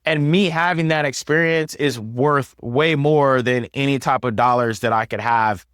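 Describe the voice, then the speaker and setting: A man's voice: medium pitch, normal speed, fairly bright tone, clear, resonant tone, dry recording, studio quality. A man in his thirties hosting a personal finance video, explaining step by step in an upbeat, conversational way. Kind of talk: explanatory talk to camera.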